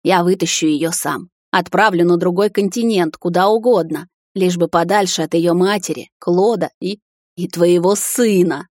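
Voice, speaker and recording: A raw, broken voice of a desperate king from an audiobook, as a woman reader puts him on. He pleads and then shouts, strained with grief. The low voice sits in a dry room with no echo. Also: normal speed, lightly acted. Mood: broken, pleading. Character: anguished middle-aged king, desperate father. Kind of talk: audiobook character reading.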